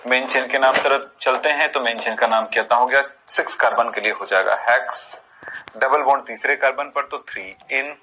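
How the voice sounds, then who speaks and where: In a classroom chemistry lecture on naming compounds, a man explains things step by step, counts carbons out loud, and puts rhetorical questions to his students. His mid-range voice sounds pushed and bright, and the poor audio carries a slight hiss or hum.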